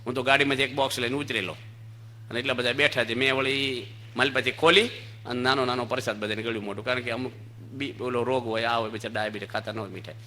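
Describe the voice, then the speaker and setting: Bright-voiced preacher. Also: male voice, medium pitch, fairly even intonation, fast talker, slight background noise. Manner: storytelling with voiced characters, asks the audience questions. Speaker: swami giving a religious discourse. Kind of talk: sermon. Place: assembly hall with children in the audience.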